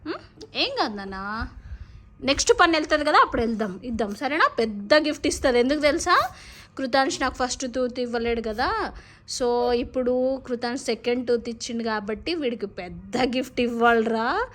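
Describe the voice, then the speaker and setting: A woman, a vlogging mother who gently coaxes and soothes her child, then chats to the camera. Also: fairly high pitch, fairly quick. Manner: gentle, coaxing.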